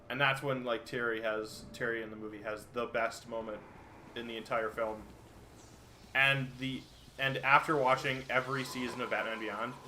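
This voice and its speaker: A man streaming a game with casual, explanatory commentary. His voice is mid-pitched and bright, with faint noise behind it. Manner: chatty, explanatory. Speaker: gaming streamer.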